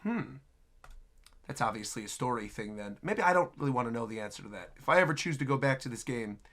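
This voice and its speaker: Talking fast at a medium pitch, a host gives casual running reactions to game trailers. He's animated and full of exclamations, muttering half to himself as he watches.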